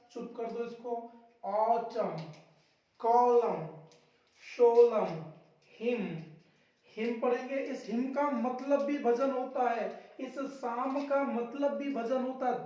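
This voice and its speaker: A man's voice: very high-pitched, fairly even intonation, a little slow, a little mellow. A male English teacher giving a classroom lesson, repeating words and quizzing his listeners. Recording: very echoey room, far from mic, dull sound.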